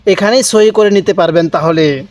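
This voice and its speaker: A man teaching Quran reading, sounding out words syllable by syllable in drawn-out recitation between quick spoken explanations. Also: high voice, darkish tone, no room sound. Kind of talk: slow syllable-by-syllable recitation lesson.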